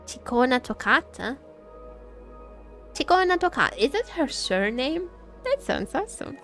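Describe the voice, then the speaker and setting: Playing the part of a teasing vampire, this woman streamer keeps repeating her phrases as she chats casually over gameplay and video game music. Her voice sits high and is a bit bright, with big pitch swings and a slightly slow pace.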